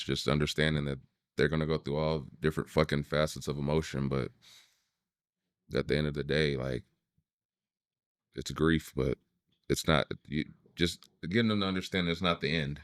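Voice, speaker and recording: A man in his late thirties hosting a podcast, talking in a relaxed, reflective way and swearing casually. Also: very deep voice, clean tone, no room sound, clean studio sound. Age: 30s. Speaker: podcast host.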